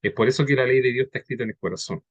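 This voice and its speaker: A male preacher giving a conversational teaching sermon, checking in with his listeners by often asking "¿ya?" and "¿verdad?", and reading scripture slowly. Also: mid-range voice, dry recording, highs cut off. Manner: reads scripture slowly and deliberately.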